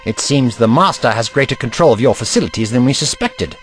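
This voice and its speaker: A man playing a righteous, eccentric scientific hero in an audio drama, speaking gravely and with theatrical emphasis. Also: mid-range voice, lively intonation, a little fast, lightly acted. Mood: ominous. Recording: dramatic music behind the voice.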